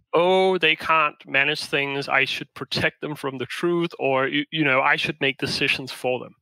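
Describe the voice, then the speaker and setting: A man from Denmark talks through ideas as a podcast guest, thoughtful and explanatory, often restarting a phrase. His voice is very bright and forward. The sound is dry and close, with no room around it. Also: fairly high pitch, no echo, rough recording. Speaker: guest, management consultant. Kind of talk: podcast interview answers.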